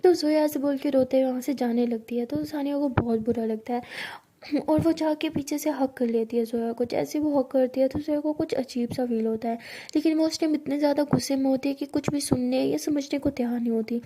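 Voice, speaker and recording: A woman narrating a love story in a plain, steady, casual way. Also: high voice, brisk, noisy background.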